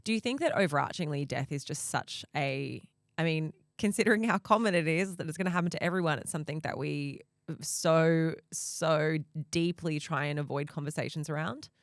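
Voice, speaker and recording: A woman with a low voice hosts a conversational podcast. She sounds thoughtful and lets her reflective questions wind along. The sound is dry, with hardly any room in it. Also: moderate pace, dry recording. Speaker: podcast host interviewing a guest.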